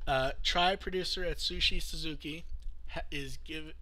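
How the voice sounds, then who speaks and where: A podcast host talks casually through the news with his co-hosts, thinking aloud as he goes. His voice is a little high with a sharp tone, at a normal speed.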